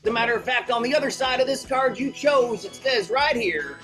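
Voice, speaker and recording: A man's voice: very high-pitched, a little fast, fairly bright tone. A man hosts a magic show like a kids' party magician, hammy and theatrical. His phrasing is folksy Old West showman talk, addressed out to the audience. Music plays behind his voice. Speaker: stage magician and show host.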